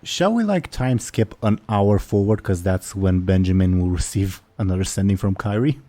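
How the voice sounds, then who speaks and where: A man's voice: sits low, animated, normal speed, mellow. A man running a tabletop role-playing game as game master, narrating casually and putting questions to the players.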